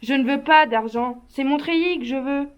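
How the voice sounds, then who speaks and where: Brief: a woman as a cold, insistent young male fugitive, high voice, slightly dull stage recording. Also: normal speed, lightly acted. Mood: demanding. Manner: insistent, commanding then coaxing. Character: young male escaped killer, stubborn and cold. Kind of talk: stage play reading.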